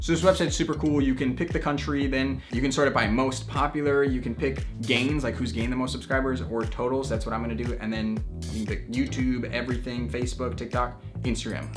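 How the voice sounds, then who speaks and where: A young man hosting a casual vlog, jokey and quick to swing from loud excitement to mumbled asides. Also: medium pitch. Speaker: vlogger host.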